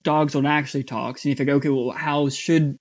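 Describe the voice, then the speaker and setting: A man chatting as an interview guest, his voice sitting a bit high and his speech halting, full of fillers and restarts. The recording sounds dull and lo-fi. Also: flat delivery. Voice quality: somewhat high voice. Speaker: voice actor guest. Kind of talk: casual interview chat.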